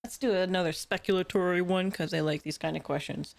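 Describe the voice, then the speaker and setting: A woman's voice: on the low side, brisk, vocal fry, dry recording. A woman hosting a casual interview stream, asking her guests questions. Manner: lively, asks questions. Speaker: stream host.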